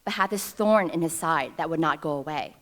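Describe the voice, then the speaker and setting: A woman in her thirties, a New York City native returning as an alumna, speaks from a podium microphone on a ceremony stage before an audience, recounting a personal story with wry humor at her own expense. Her voice sits low and a bit bright, and she talks a little fast.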